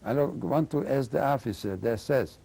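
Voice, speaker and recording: An older man giving oral history testimony, halting as he searches for words and often adding "you know.". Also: mid-range voice, gravelly, mellow, breathy edge. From Slovakia and Hungary. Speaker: interviewee recounting memories.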